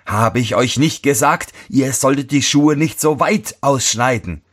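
A man pushes his medium-pitched voice upward, sing-song and breathy, to play a fairy tale's irritable old master shoemaker. Speaking unhurriedly, he scolds the people around him indignantly and shouts out his grievances.

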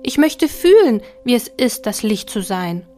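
A woman doing an eager little childlike soul. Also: unhurried. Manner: high, excited, questioning. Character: small curious childlike soul, eager and cheeky.

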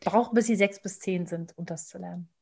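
A woman speaking as a parenting expert guest in an interview, talking in a lively way and acting out scenes. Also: on the low side, fairly quick, vocal fry, slightly rough. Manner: lively, acts out scenes and sounds. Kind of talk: conversational interview.

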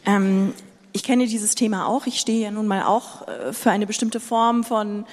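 A woman from Sudan speaks on a panel. She talks in a thoughtful, measured way with small fillers. The sound has long hall reverb. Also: medium pitch, steady tone, a little mellow. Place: conference hall with audience.

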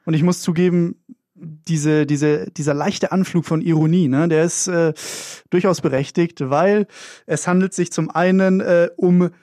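A man's voice: on the high side, fairly even intonation, unhurried, dark tone, no echo, clean studio sound. A young man co-hosting a casual radio show, talking with many fillers and a wry, self-mocking manner. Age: young adult. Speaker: radio co-host.

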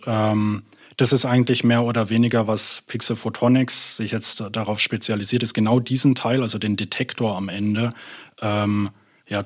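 Young man, lowish voice, guest explaining research in a casual, hesitant interview. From Germany. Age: young adult. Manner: hesitant, many fillers, explaining. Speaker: guest, doctoral student.

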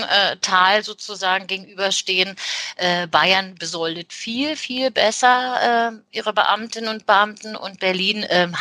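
A woman police official answering interview questions in a measured way, with many fillers and pauses. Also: medium pitch, bright, forceful tone, dry recording.

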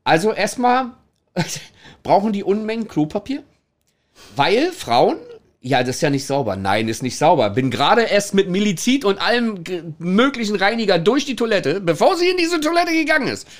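With a high-pitched, sing-song voice at a moderate pace, this former toilet attendant, a middle-aged man, chats his way through stories. He laughs plenty and keeps checking in with the listener by ending lines with "ne?".

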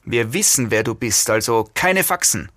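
A man voicing a rough, irritable male kidnapper in an audiobook reading, gruff and hissing. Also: medium pitch, expressive, normal speed, a bit bright, no echo, clean studio sound, close to an everyday voice.

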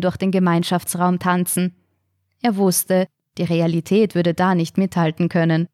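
A woman reading a story aloud in a measured, calm storytelling manner. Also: on the low side, dry recording, studio quality. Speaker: narrator. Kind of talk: audiobook narration.

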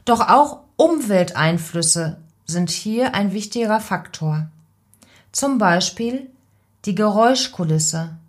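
Female voice coach, unhurried instructional delivery, direct and measured. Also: mid-range voice. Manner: calm, deliberate, gives direct advice. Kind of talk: instructional podcast tips.

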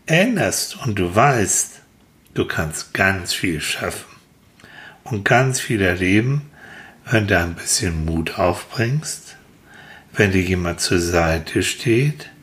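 A man softly telling a slow, soothing guided relaxation story to a listener. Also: deep voice. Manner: soft, soothing, drawn-out.

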